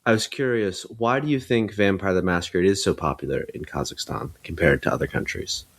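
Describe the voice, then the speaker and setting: Deep voiced guy interviewing someone, chatty observations then a question. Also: fairly quick, gravelly.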